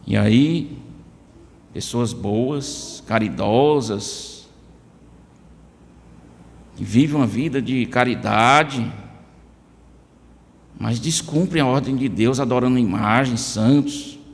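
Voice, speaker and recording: A Brazilian man with a mid-range voice and a Brazilian Portuguese accent preaches a sermon in church, speaking slowly with frequent pauses. He addresses listeners by name, his voice rising emphatically, and the church hall adds reverb.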